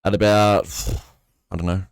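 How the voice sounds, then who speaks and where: A young man with a notably deep voice tells a long, rambling anecdote, peppered with swearing. His delivery is laid-back and conversational, recorded dry and close. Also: little pitch movement, normal speed, gravelly, smooth, no room sound. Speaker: podcast co-host. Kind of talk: casual storytelling chat.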